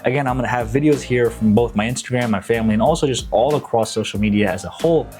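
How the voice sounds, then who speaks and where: Young male realtor vlogger from Nepal, enthusiastic and slangy, mid pitch, soft music underneath. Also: fast. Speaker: real estate agent. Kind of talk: casual promotional vlog.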